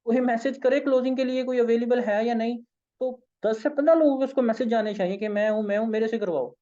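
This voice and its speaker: A hoarse, tired man with a Pakistani accent, leading an online sales training session in an informal, coaxing way. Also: very high-pitched, fast talker, dark tone, lo-fi sound. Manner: informal, coaxing, keeps saying "okay". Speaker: sales trainer and company founder.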